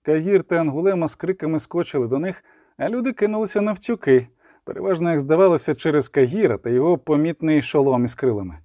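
Male audiobook narrator, fantasy, mellow warm tone, dry close studio sound. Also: a little high, animated, fast, dry recording.

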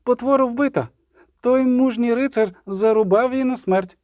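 A man voicing a bold, quick-witted young swordswoman who speaks tensely and urgently. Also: sits high, animated, mellow, dry recording, clean studio sound, pitched above the performer's own voice. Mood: shouting.

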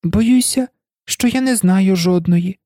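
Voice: mid-range voice, slow pace, warm tone, no echo, studio quality, pitched above the performer's own voice, natural voice. A reader voicing a curious, polite young girl in a storybook, asking questions in an inquisitive manner. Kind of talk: storybook reading.

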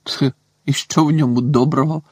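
A man's voice: medium pitch, fast, breathy edge, no room sound. A man voicing a grumpy, hungry teenage schoolboy who grumbles.

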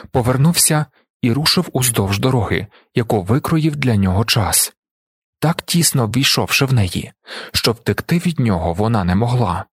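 A male narrator reading a novel aloud in an even, measured manner, his voice mid-pitched and husky. The booth recording is dry and close, with no room sound. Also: dry recording. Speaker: audiobook narrator. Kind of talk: audiobook narration.

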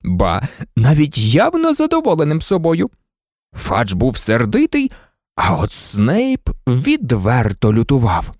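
A man narrating an audiobook in a dramatic, expressive way. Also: medium pitch, slow pace, dry recording, studio quality. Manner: dramatic, lively.

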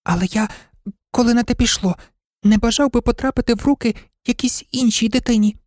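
A man's voice: extremely high pitch, a little fast, a little mellow, dry recording, studio quality, pitched above the performer's own voice. A man voicing a shy little male rag toy dog in a storybook reading, speaking in a hesitant, raised voice. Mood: hopeful.

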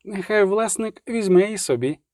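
A man voicing a calm, ironic male barber who speaks in a cool, measured way, in an audiobook reading. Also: high voice, no room sound, studio quality, voice pushed up. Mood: calmly ironic.

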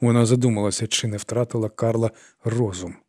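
Guy reading an audiobook, mellow warm voice, calm and steady. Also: lowish voice, a little fast. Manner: calm, even storytelling. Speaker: audiobook narrator. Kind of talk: scripted narration.

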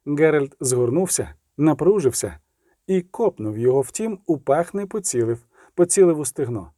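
A man reads a fantasy audiobook with steady, dramatic storytelling. His voice sits slightly high for a man, with a dark, mellow timbre, recorded close and dry with no room sound. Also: moderate pace, dry recording. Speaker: narrator.

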